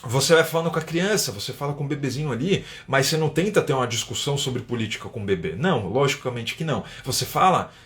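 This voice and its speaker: A man's voice: mid-range voice, lively intonation, fast talker, few pauses, fairly bright tone. A man with a Brazilian Portuguese accent, an English teacher hosting a casual live-stream lesson and reading viewer comments aloud. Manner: chatty, explains step by step, tags sentences with "né?", reads viewer comments aloud.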